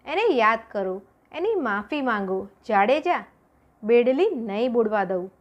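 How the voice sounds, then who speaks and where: A woman voicing a serene holy woman from a storybook, urging with gentle firmness. Her fairly high voice rises and falls in a lively way. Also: measured pace, highs cut off. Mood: firm coaxing. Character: calm, devout holy woman, steady guide.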